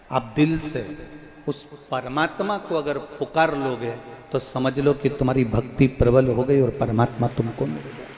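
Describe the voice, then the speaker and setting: A man preaching a devotional sermon, slowly repeating his lines for emphasis, with a verse chanted now and then. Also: mid-range voice, a little mellow, a little hiss or hum. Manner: slow, repetitive, emphatic preaching. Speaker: preacher of religious discourse. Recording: echoey hall with faint music.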